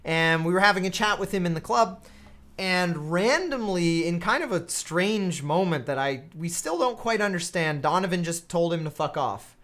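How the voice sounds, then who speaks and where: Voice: mid-range voice, expressive, normal speed, fairly bright tone. A game streamer giving casual let's-play commentary, chatty with frequent laughs and fillers.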